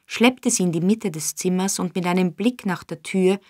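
A woman's voice: fairly low pitch, moderate pace, dry recording, clean studio sound. Woman narrating a dramatic audiobook. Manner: steady, dramatic reading. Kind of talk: scripted narration.

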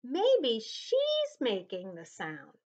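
A woman reading the lines of an eager young girl who leads the search in a storybook, in a slow, expressive storybook delivery. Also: fairly high pitch, lo-fi sound, heavily acted.

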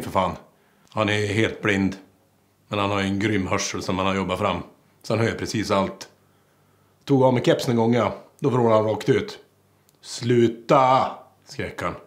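A man with a lowish, lightly acted voice delivers a mockumentary monologue to camera as a comedic character. The character is a small-town wannabe rock singer and aspiring songwriter, boastful and petty, rambling and swearing nonstop in a small-town Swedish accent.

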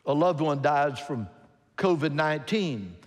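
An older man, a pastor, preaching a sermon from a pulpit in a large church, expressive and emphatic. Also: on the high side, measured pace. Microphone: pulpit microphone. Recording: long church hall reverb.

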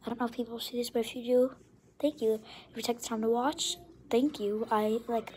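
Whiny young woman vlogging, high voice. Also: fairly quick, darkish tone, a little hiss or hum. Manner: whiny, dramatic, drops into whispers. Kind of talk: casual vlog talk to camera.

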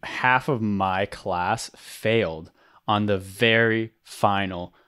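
A man's voice: lowish voice, steady tone, slow pace, a bit bright, clear, resonant tone. A young man telling a story in a casual podcast chat, rambling with lots of fillers and restarts. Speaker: podcast host.

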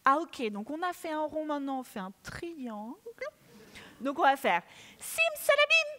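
A woman's voice: high voice, moderate pace. A woman hosting a children's award ceremony, playful and coaxing the audience to join in. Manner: animated, playful, coaxes the audience. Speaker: ceremony host. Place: large auditorium. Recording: echoey hall with audience.

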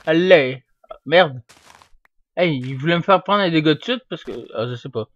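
A young man giving casual, rambling commentary while he plays, getting excited and yelling at the game now and then. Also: fairly high pitch, normal speed, no echo. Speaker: gamer. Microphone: desk microphone. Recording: dull, dry home mic.

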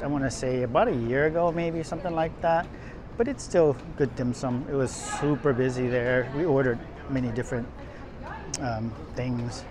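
With a mid-range voice, a man films a walking tour outdoors and narrates casually, rambling and often restarting or using fillers. He's an off-screen vlogger carrying the camera, and the street around him is noisy with chatter and traffic.

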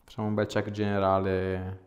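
This chiropractor and osteopath, a man in his thirties, speaks in a deep monotone at a moderate pace, and the audio is dull. He chats casually and issues short, informal instructions during treatment inside a small, echoey clinic room.

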